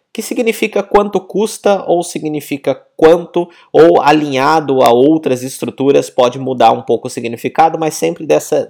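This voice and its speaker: Man, patient teacher, explanatory, slightly high voice. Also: creaky, darkish tone. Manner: patient, explanatory, repeats phrases slowly; mixes in read-out example phrases. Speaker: language teacher. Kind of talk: explaining lesson.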